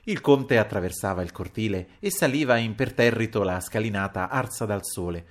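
A man with a low, deep voice narrates a classic novel aloud. His reading is measured and expressive, in audiobook style.

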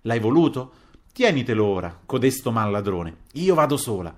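A man voicing a furious old widow who shouts loudly and shrilly. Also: medium pitch, very animated, moderate pace, lightly acted. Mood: bitter scorn.

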